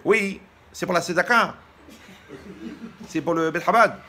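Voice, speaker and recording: A man voicing a brusque, confused elderly woman of 76 on the phone, with a high, loud, indignant manner. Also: unhurried, slight background noise.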